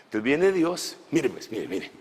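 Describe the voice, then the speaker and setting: A man preaching a sermon at a church conference in an animated way, swinging from shouts to low asides and calling his listeners brother. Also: unhurried, slightly rough. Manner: folksy, addresses listeners as brother. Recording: long hall reverb in a church.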